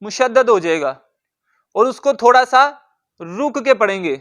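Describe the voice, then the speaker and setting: Leading a Quran recitation lesson, a man with a very high, bright voice drills each word slowly. His tone stays smooth, clear and expressive as he poses questions and then answers them himself.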